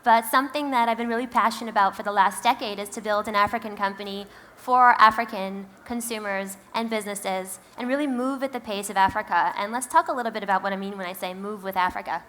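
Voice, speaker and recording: Talking fast with hardly a pause, a keynote-speaking company founder from Queens, New York addresses a conference. Her mid-range voice is fairly bright, and she comes across as wry, conversational, and emphatic.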